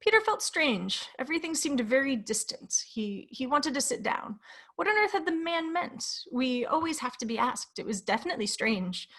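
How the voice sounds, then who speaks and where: Woman reading a story out loud, highish voice, expressive and steady. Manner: expressive, measured narration. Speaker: guest reader.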